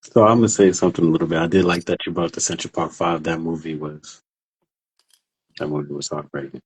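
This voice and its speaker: A man's voice: steady tone, fairly quick, breathy edge, poor audio. A man from New York interviewing a guest in a laid-back, casual way and humming along as she talks. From New York, USA. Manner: laid-back, backchannels with low hums.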